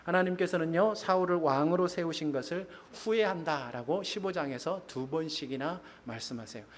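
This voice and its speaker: A man's voice: a little high, moderate pace. A male pastor preaching to his congregation in church, often asking them questions. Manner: addresses congregation with questions, laughs. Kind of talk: sermon.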